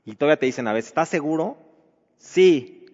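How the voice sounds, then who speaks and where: A man's voice: on the high side, lively intonation, racing. A man preaching a sermon to married men, asking rhetorical questions in a conversational way. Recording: dull reverberant hall recording.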